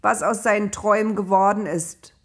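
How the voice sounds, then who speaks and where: A woman voicing jealous, angry brothers in a Bible story reading, talking in a heated, spiteful way with a husky voice. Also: a little high, animated, a little slow, pitched above the performer's own voice. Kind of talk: storybook narration.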